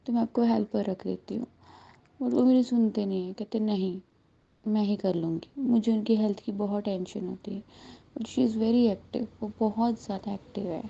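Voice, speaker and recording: A woman's voice: medium pitch, gravelly, mellow. A woman in her thirties giving an earnest personal testimony to a devotional gathering, slipping English words into her speech. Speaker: satsang devotee sharing a blessing. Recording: dull lo-fi recording.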